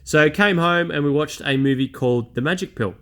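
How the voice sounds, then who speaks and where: Brisk and fairly bright, this man's voice sits on the high side. He's a vlogger in his 30s giving a candid monologue about his own experience, blunt and chatty with a self-deprecating streak.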